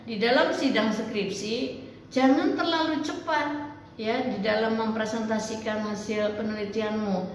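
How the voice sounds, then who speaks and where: A woman lecturer explains things slowly and deliberately, pausing on fillers as she teaches. Her voice rings out in a very echoey space with a long tail of reverb. A faint hiss of noise sits underneath. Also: medium pitch. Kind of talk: online lecture.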